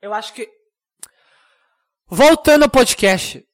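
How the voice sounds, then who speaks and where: A young man hosting a comedic solo podcast, rambling and mocking himself in a deadpan way. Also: very high-pitched, takes it slowly. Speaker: podcast host.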